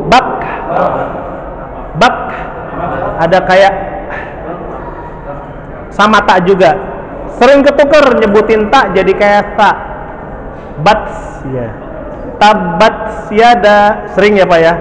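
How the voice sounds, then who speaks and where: A man teaching a tajweed class at a mosque, patiently drilling syllables for his students to repeat. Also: sits high. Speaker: Quran recitation teacher. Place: large mosque hall. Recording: echoey hall, faint background noise.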